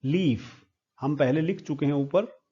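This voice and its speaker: Slow dark-voiced man teaching phonetics. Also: on the high side, slightly rough, highs cut off. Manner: slow, sound-by-sound spelling-out. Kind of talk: phonetics lesson at a board.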